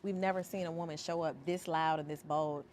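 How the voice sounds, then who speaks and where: A woman's voice: low-pitched, steady tone, fairly quick, a little mellow, a little hiss or hum. A woman artist talking as a podcast guest, telling stories expressively and acting out the voices she quotes. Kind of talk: interview conversation.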